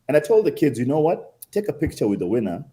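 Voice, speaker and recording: Kenyan accent guy being interviewed, lively pitch, mellow tone, makes points with questions and repeats. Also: fast talker. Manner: emphatic, uses rhetorical questions and repetition. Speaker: interview guest, consul general. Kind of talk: conversational interview answers.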